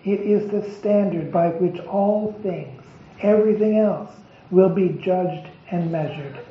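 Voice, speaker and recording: Delivering a devotional sermon, a man stacks up lists of phrases with emphasis on every word, his voice raised and fairly high. He speaks slowly and with deliberation, and the dull, lo-fi recording is muffled with a roomy echo.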